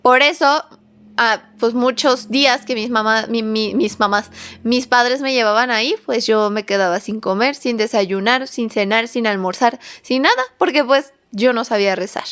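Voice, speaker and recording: A young woman telling a childhood story in an animated way, acting out voices and laughing often. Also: fairly high pitch, moderate pace, clean tone. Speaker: vlogger. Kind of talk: personal storytelling.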